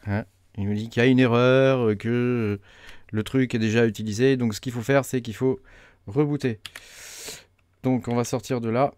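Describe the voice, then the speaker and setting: A man talking through a software setup tutorial, hesitant with many fillers as he clicks along. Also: mid-range voice, steady tone, normal speed, pauses often, clear, resonant tone, no echo. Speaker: crypto mining tutorial host. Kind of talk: casual screen-recorded tutorial.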